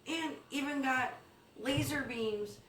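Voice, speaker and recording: A woman's voice: sits high, slow, a bit bright. A woman tells a made-up news story in a playful, loose way, stumbling over ums and dropping swear words. Her voice sounds roomy and a little distant, with faint noise in the background. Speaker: comedy news co-host. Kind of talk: comedic mock news story.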